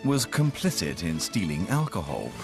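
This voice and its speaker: Deep-voiced male reality show narrator. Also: sing-song, moderate pace, gravelly. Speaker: documentary narrator. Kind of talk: scripted narration. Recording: narration over music.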